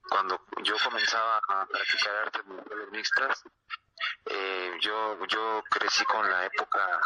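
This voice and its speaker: A man's voice: on the low side, flat delivery, measured pace. A man from Mexico with a Mexico City Spanish accent, answering interview questions as a martial arts fighter, hesitant and full of fillers and repeated words. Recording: muffled lo-fi line with clear noise.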